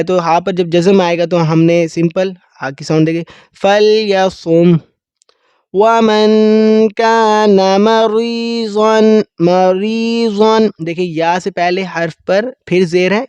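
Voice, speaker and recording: A man teaching Quran recitation rules in a lesson, explaining quickly and then chanting verses slowly and melodically. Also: high-pitched, darkish tone, no room sound. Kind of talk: tajweed lesson.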